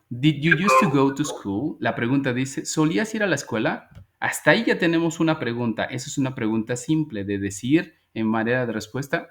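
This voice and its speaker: A man's voice: mid-range voice, a bit bright. A man teaching an English grammar class, patiently explaining step by step and repeating each phrase before checking that students follow. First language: Spanish.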